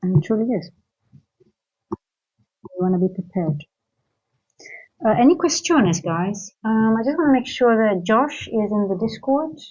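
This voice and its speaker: A woman's voice: on the high side, lively intonation, unhurried, pauses often, a little mellow, muffled recording. A woman who grew up in Singapore, hosting a live trading stream and thinking aloud as she goes, with many fillers and restarts. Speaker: trading livestream host. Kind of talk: live market commentary and viewer chat.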